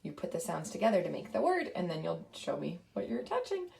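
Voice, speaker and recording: Encouraging woman with a gravelly edge. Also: on the low side, huge pitch swings, fairly quick, a little mellow. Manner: patient, encouraging teacher-like tone. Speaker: literacy presenter and mother. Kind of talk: educational presentation with phonics games.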